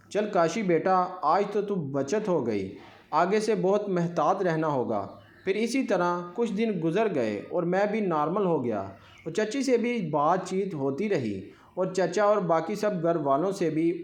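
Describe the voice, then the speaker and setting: A man narrating a story in the first person, with an expressive storytelling manner. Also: sits high. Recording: echoey room.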